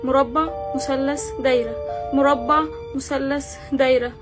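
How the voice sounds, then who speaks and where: A woman's voice: sits high, moderate pace, over music, lightly acted. A woman voicing an anxious young Egyptian daughter who takes memory tests, with Egyptian speech. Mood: eager. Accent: Egyptian Arabic. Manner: expressive, nervous storybook acting.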